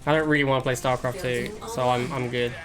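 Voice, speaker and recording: A man's voice: mid-range voice, little pitch movement, fast talker, over music. A man giving casual live commentary as he streams a game, musing and repeating himself in a conversational way.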